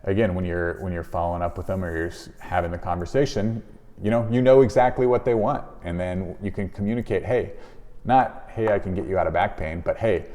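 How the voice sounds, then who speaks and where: This man's voice is low, dark and steady in tone, with a brisk delivery. He's a chiropractor addressing viewers on camera, offering casual how-to advice in simple language, explaining things and acting out sample questions and answers. It's recorded in a heavily echoing room.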